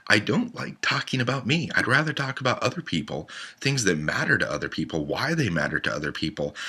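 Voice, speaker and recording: A man's voice: low-pitched, pushed and bright. A man in his late twenties with a cold, giving a casual, rambling, self-mocking introduction of himself. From western United States. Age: 20s. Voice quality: slightly congested, husky. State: has a cold. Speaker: show member introducing himself.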